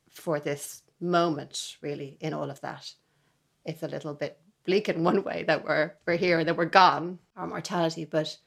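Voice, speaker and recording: A middle-aged woman talks reflectively as an interview guest. Her voice sits fairly low, and she speaks with earnest wonder. At times her phrases fade into soft near-whispers. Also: vocal fry. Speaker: guest, violinist.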